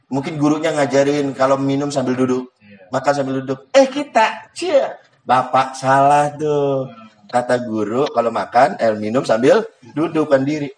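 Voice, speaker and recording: A man's voice: medium pitch, low-quality recording. A man giving a humorous sermon, joking and laughing often. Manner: jokes and laughs often, mixes in Sundanese. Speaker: preacher.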